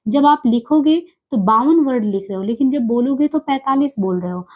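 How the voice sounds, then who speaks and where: A woman teaching an exam-prep grammar lesson, explaining step by step and repeating each sound and letter slowly. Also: sits high, expressive, husky, muffled recording.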